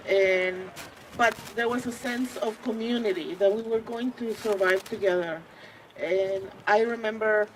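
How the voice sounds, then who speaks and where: A woman in her forties with a Mexican accent, giving an earnest rally speech as a community organizer, pausing often with fillers. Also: medium pitch, a little hiss or hum, rough recording. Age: 40s. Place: outdoors at a public rally.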